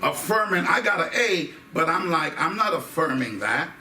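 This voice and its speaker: Speaking at a moderate pace in a voice on the high side, a middle-aged American guest lecturer talks about faith and identity before a live hall audience. His manner is emphatic, with repeated phrases and joking asides, and the sound is echoey, distant-miked and faintly noisy.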